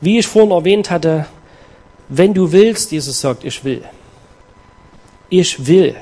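A man preaching a sermon, reading scripture aloud and explaining it with earnest emphasis and dramatic pauses. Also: a little high, expressive, warm tone.

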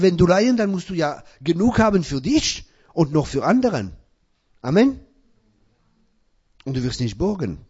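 A male preacher delivering a sermon in non-native German. He reads scripture and asks his congregation questions, then answers them himself, rising to loud emphatic peaks. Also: high voice, husky. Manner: loud emphatic peaks between quieter passages. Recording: dull lo-fi recording.

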